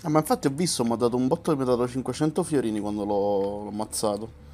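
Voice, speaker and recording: A man's voice: medium pitch, quick pace, dark tone, a little hiss or hum. A man giving casual, colloquial gameplay commentary with some mild swearing. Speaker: gamer.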